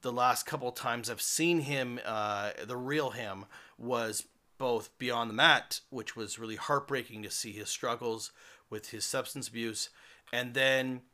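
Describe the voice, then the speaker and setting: A man's voice: medium pitch, unhurried, sharp tone. A man hosting a podcast alone, giving a casual, rambling review with many fillers and restarts. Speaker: podcast host.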